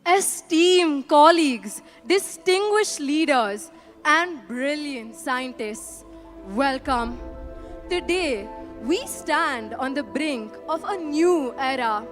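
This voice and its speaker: Woman playing a visionary chancellor, formal, speech-like, high voice, slow delivery. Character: visionary female chancellor addressing a council. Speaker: student stage performer. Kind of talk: school stage play.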